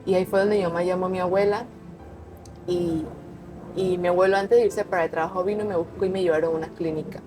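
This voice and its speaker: A woman's voice: lowish voice, fairly even intonation, fast talker, music in the background. A young woman telling her personal testimony in an unscripted, conversational way, earnest and repeating words for emphasis. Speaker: vlogger sharing a personal testimony.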